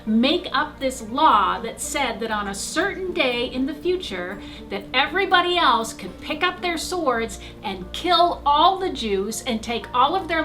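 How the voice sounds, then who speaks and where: A woman's voice: a little high, pushed and bright. A woman working as a children's pastor, telling a story casually to kids in short, emphatic sentences.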